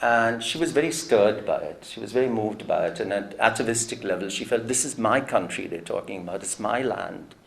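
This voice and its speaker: Low-voiced man giving a reflective lecture. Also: fairly quick, creaky, hardly any pauses. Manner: reflective storytelling, quoting others in his own voice. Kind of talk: public lecture.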